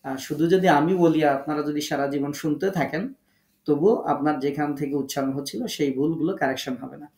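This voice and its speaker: Echoey room, man teaching slowly. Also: a little high, a little mellow. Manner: patient, explains slowly step by step. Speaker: Quran recitation teacher. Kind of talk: online class lecture.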